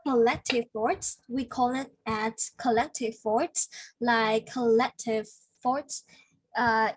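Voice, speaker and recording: A woman's voice: a little high, breathy edge. A woman English teacher from Vietnam with a Vietnamese accent, patiently correcting and explaining words in a speaking lesson. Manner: patient, corrective, explains word choices slowly.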